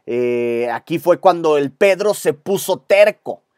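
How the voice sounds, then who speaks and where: A man with a Mexican Spanish accent preaching a sermon with intensity, breaking off for quick asides to his congregation. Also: on the high side, lively intonation, a little mellow, no room sound, clean studio sound. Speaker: pastor. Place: church set with stage lights.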